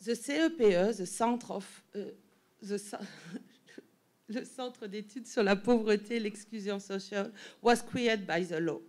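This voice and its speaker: A little slow and darkish in tone, a woman's mid-range voice delivers an academic conference talk. She's a professor and panel speaker with a French accent and French as her first language, restarting and self-correcting often.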